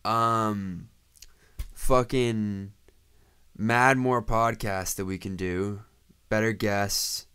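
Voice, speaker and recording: A man co-hosting a podcast, riffing loosely and excitedly with plenty of swearing. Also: fairly low pitch, drawn-out words, long pauses, clean tone. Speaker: podcast co-host. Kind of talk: casual chat.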